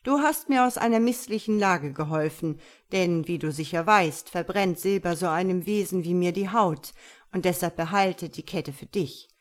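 A woman's voice: fairly low pitch, normal speed, lightly acted. A woman doing a stern, commanding djinn. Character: proud male djinn in tiger form, stern and commanding.

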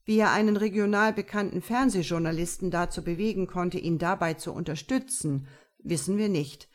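A woman's voice: on the low side, normal speed, close to an everyday voice. A woman reading an audiobook, voicing a male police investigator in a formal, matter-of-fact way.

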